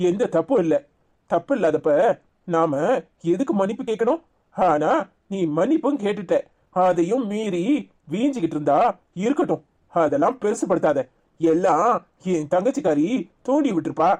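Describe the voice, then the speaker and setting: Someone doing a calm reassuring cartoon husband. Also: medium pitch, natural voice. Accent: Tirunelveli Tamil. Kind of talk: cartoon serial acting.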